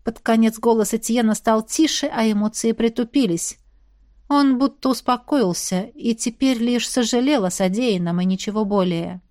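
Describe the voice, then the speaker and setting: Lady reading an audiobook, steady voice, dead dry mic. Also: a little high, normal speed, dry recording. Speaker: audiobook narrator. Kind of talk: scripted narration of a romantic fantasy novel.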